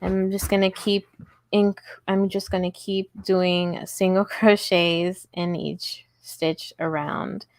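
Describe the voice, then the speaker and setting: At her table indoors at home, a woman runs a casual crochet livestream, chatty and giggly as she works and talks to chat. Her voice is mid-range with a flat, slow delivery, and the recording has no echo.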